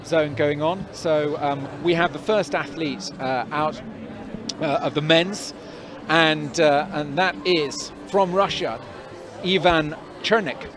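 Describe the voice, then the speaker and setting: Speaking slowly in a voice on the high side, a man commentates and interviews live outdoors at a climbing event. His talk rambles with frequent fillers and restarts, and a crowd can be heard behind.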